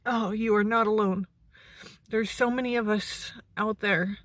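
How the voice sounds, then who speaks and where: A woman sounding anxious and shaken, speaking haltingly and earnestly to camera in a personal vlog. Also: medium pitch, steady tone, no room sound. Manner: halting, earnest, with long pauses. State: anxious, shaken during a panic attack. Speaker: mental health vlogger. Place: outdoors beside a parked car.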